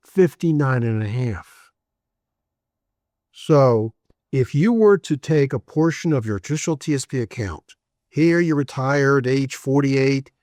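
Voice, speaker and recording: A man's voice: mid-range voice, a little mellow, no echo, studio quality. A man presenting a webinar lecture on retirement benefits, conversational and prone to restarts and repeats.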